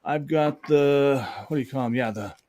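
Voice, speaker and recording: A man's voice: medium pitch, moderate pace, a little mellow. A man co-hosting a live online hypnosis show, chatting casually with lots of restarts and fillers over a video call. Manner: rambling, many restarts and fillers. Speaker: hypnotist co-host. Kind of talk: casual live-stream chat.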